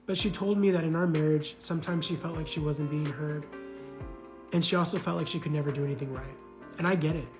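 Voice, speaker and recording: A man's voice: a little high, fairly even intonation, quick pace, over music. A man talking earnestly about his failed marriage, with a lot of "you know" and repeated words. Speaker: man recounting his divorce. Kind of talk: casual reflective monologue.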